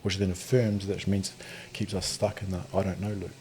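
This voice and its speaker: A man with a gravelly voice, talking casually and reflectively as a podcast guest in an earnest, matey way. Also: low-pitched, little pitch movement, moderate pace, a little mellow. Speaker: podcast guest, men's mental health advocate. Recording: clearly audible ambient background noise.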